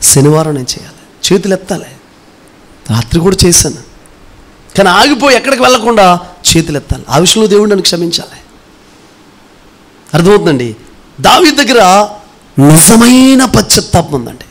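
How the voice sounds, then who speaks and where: A middle-aged man preaching a sermon in a notably high voice. He presses rhetorical questions on his listeners with earnest conviction. He swings between forceful lines and hushed ones. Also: very animated, fairly quick, pauses often. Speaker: pastor.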